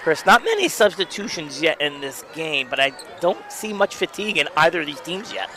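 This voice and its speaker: A man calling a high school basketball game play by play from courtside, quick calls that jump up on big plays. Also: very animated, sharp tone, a faint crowd. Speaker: play-by-play announcer. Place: courtside at a gym.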